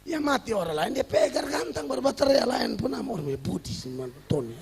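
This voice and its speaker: High-pitched gravelly preacher in a reverberant hall. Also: male voice, fairly quick. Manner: lively preaching with humor and acted quotes. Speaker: pastor. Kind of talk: sermon.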